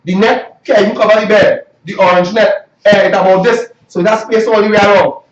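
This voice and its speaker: A man's voice: sits high, steady tone, a little fast. A man from Trinidad with a Trinidadian accent, ranting bluntly and repetitively, swearing as he goes. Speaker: woodworker. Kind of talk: angry ranting monologue. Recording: echoey, distant, muffled.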